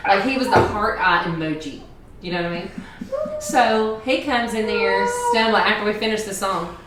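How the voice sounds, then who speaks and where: A woman guest telling funny stories in casual chat, laughing and joking as she talks. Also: lowish voice. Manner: animated, laughs a lot, quick joking delivery. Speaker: podcast guest. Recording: very echoey room, distant mic, faint noise.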